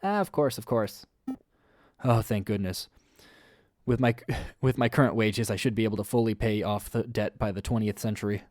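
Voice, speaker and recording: A man's voice: fairly low pitch, normal speed, darkish tone, dry recording, clean studio sound, natural voice. A man reading a fretful, broke young assistant. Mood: anxious. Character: nervous young male assistant, broke and anxious. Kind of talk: reading game dialogue aloud.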